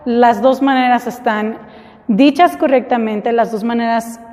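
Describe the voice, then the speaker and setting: A woman English teacher giving a classroom lesson in Spanish, drilling students slowly and clearly with repeat-after-me prompts. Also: fairly high pitch, fairly even intonation, darkish tone, big-room sound.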